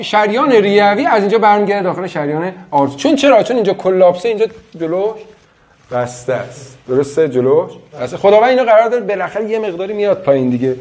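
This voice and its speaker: A man's voice: sits high, a little mellow. A man giving a classroom lecture, quizzing his students with frequent questions.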